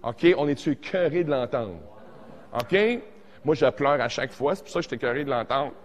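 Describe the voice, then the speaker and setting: A man's voice: medium pitch, fairly quick. Joking Québécois man teaching in a hall. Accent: Québécois French. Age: 40s. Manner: joking, animated, mixes in English words. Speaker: songwriting teacher. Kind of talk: casual classroom workshop.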